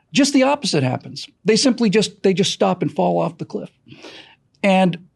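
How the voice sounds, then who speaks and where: Speaking as a host, this American man delivers off-the-cuff political and historical commentary with earnest emphasis, stretching into long, discursive explanations. His voice sits high, gravelly and a little mellow.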